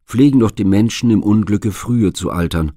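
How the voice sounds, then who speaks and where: A low-voiced man playing a faithful old nurse, steadfast and tearful, read in an earnest storybook manner. The recording is close and dry. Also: moderate pace, dark tone, no echo, lightly acted. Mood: wondering.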